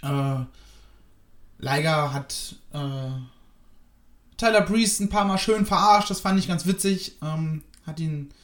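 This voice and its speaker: Slow, hesitant man reviewing wrestling. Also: a little high, fairly bright tone, echoey room. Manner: hesitant, many fillers, rambling. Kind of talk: casual spoken review.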